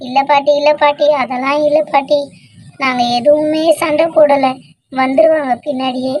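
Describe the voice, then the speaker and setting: A cheerful little boy in a cartoon, eager and polite with his granny, voiced by a woman. he talks high and brightly, like a child. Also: level tone, moderate pace, natural voice.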